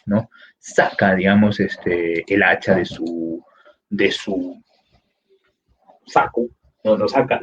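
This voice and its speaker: Man teaching, acting out a story. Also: lowish voice. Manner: acts out scenes with sound effects and character voices, frequent "¿no?". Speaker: literature teacher. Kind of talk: animated storytelling lecture. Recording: slightly dull, faint background noise.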